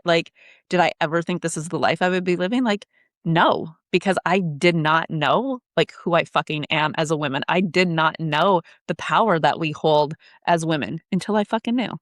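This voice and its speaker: A woman's voice: lowish voice, normal speed, dry recording, studio quality. A woman guest on a podcast talking candidly about her coaching work, blunt and emphatic and swearing freely. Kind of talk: candid conversational interview. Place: in Canada.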